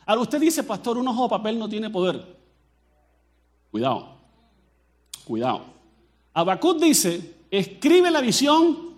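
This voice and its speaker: Colombian pastor guy preaching, pretty high voice, jokey and animated, talks right at the crowd. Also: measured pace, long pauses. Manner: animated and joking, addresses the crowd directly. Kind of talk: sermon to a congregation.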